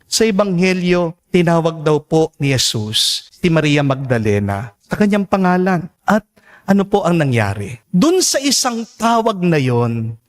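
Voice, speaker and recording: A man, a priest delivering a sermon and calling on the congregation for responses. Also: on the high side.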